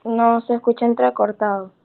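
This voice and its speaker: A woman's voice: fairly high pitch, flat delivery, normal speed, gravelly, phone-quality sound. A woman student speaking briefly and matter-of-factly, heard over a crackly, choppy online call line. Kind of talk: casual remarks on an online class.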